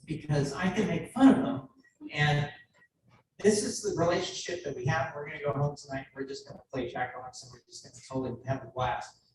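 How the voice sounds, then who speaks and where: A man giving a personal tribute speech at his brother's retirement ceremony, joking and halting, with many restarts. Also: fairly high pitch, noisy background. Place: large ceremony hall. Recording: echoey hall from far off.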